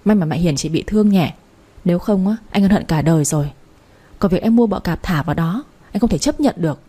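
A woman's voice: on the low side, animated, brisk, dark tone, breathy edge. A woman reading the part of a stern, cold husband in a spoken story, with a firm manner. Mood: disappointed. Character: stern husband, adult man.

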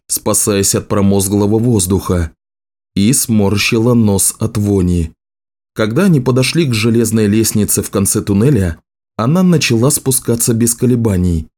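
A man's voice: on the low side, darkish tone. A man steadily reading a fantasy novel aloud as the audiobook narrator.

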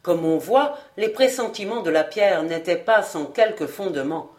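A woman's voice: lowish voice, expressive, moderate pace, darkish tone. A woman narrating a classic adventure novel as an audiobook reader, reading expressively.

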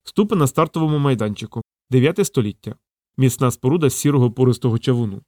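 A man reading an audiobook as the narrator, in a steady, even delivery. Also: medium pitch, fast talker, no echo, clean studio sound. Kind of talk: scripted narration.

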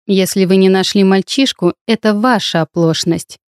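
An arrogant healer, a man who presses and threatens, snapping out curt commands in a dark, dry low voice, as a woman reads him out. He sounds imperious and spiteful throughout this storybook scene. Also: moderate pace, no echo, natural voice. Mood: haughty, pressing.

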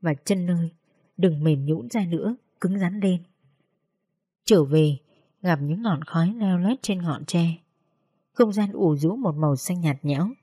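A woman with a Northern Vietnamese accent, slowly and tenderly narrating a sorrowful story in the first person. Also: fairly low pitch, warm tone, breathy edge, dry recording, studio quality.

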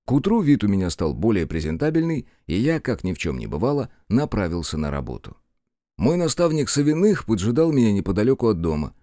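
Man, audiobook narrator, first-person story, low voice, expressive, dry close mic. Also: a little fast, no echo.

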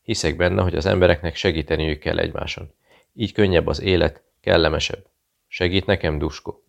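A man reading a calm British investigator who talks in a friendly, quietly persuasive way. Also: low-pitched, creaky. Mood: probing. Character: cool British male investigator posing as journalist.

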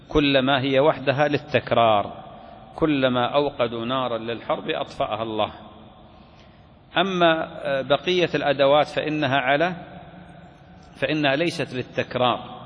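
A man's voice: medium pitch, normal speed, pauses often. A man explaining a classical religious text step by step, asking questions and answering them himself. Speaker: sheikh teaching a fiqh text. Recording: dull recording in a reverberant hall with faint noise.

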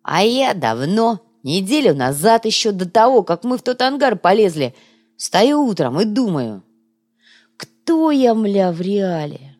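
Woman doing a gruff, slangy male gang boss. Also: medium pitch, sing-song, a little slow, a little mellow. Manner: rough, blunt, slangy.

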